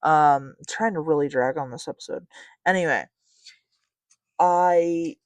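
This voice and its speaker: A man's voice: a little high, a little slow, dry recording. A teenage boy hosting a podcast, telling a story casually in a rambling way, full of fillers and restarts, and often losing track of what he was saying. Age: teens. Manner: loses track mid-story. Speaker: podcast host.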